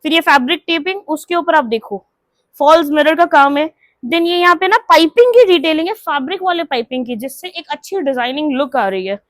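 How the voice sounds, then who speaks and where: A woman's voice: high voice, animated, a little fast, no room sound. A woman showing and selling women's suits in a chatty sales talk, mixing English words into her speech. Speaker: clothing seller. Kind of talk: product showcase sales talk.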